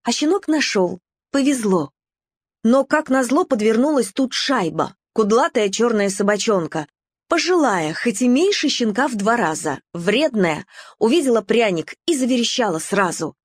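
A woman narrating a children's storybook in an expressive reading voice. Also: fairly high pitch, moderate pace, husky, dry recording, studio quality. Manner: expressive, varied pacing.

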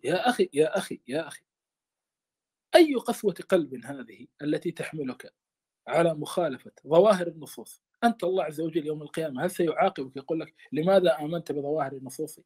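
A man's voice: a little high, lively intonation, fast talker, darkish tone, slightly rough. A man teaching a study lesson on a classical text, speaking with passion and often stammering and repeating words.

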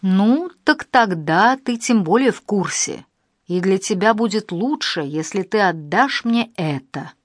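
A woman's voice: mid-range voice, animated, measured pace, no echo, studio quality. Woman voicing a cold hissing male blackmailer. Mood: threatening. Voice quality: cold, unpleasant, soulless. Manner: hissing, threatening, rude.

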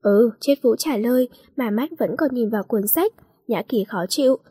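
A woman narrating a romance story in a steady storytelling voice. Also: fairly high pitch, moderate pace, slightly rough. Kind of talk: audiobook story reading.

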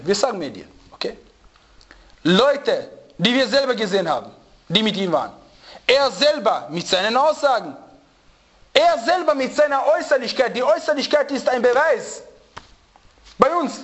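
A man with a high, somewhat bright voice teaches a religious lesson to students, and the audio sounds dull. He is emphatic and repetitive, repeating key phrases, asking frequent rhetorical questions, and sometimes searching for words.

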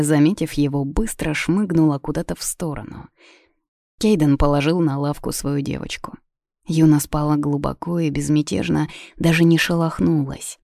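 A woman narrating a novel in an even, measured storytelling manner. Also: sits low, gravelly, no room sound, studio quality. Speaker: audiobook narrator. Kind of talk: scripted narration.

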